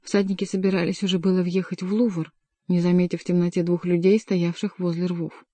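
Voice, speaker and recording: Woman audiobook narrator, calm, measured, mellow, dry close sound. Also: on the low side, dry recording. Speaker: audiobook reader. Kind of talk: scripted narration.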